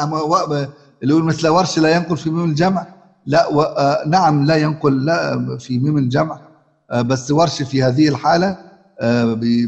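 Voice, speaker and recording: A man's voice: a little high, gravelly, muffled recording. A man with an Egyptian accent teaching Quran recitation rules, often asking his students questions and repeating himself. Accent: Egyptian Arabic. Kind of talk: colloquial Egyptian Arabic lesson. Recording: long hall reverb.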